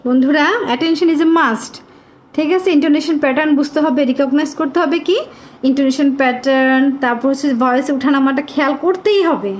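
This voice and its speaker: A woman teacher with a high voice leads a live online English class. She speaks patiently, repeats her questions and stretches English words out slowly for her pupils.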